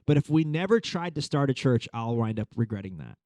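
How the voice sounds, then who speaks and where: A man's voice: medium pitch, lively intonation, a little fast, darkish tone, dry recording. A man in his thirties giving a conversational sermon as a pastor, telling a story with many fillers. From Long Island. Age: 30s.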